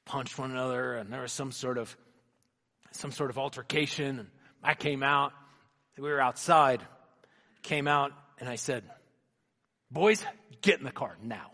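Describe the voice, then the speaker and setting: A man's voice: mid-range voice, steady tone, moderate pace, pauses often, pushed and bright. A middle-aged man preaching a sermon as a pastor, telling a family story and acting out the voices in it. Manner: storytelling, acts out voices in quotes. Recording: hall reverb.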